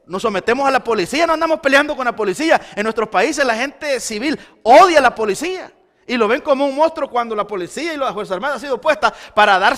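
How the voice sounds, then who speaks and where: A man preaching a Sunday sermon as pastor, swinging between loud emphasis and quiet intensity. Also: very high-pitched. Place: church sanctuary. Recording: long church hall reverb.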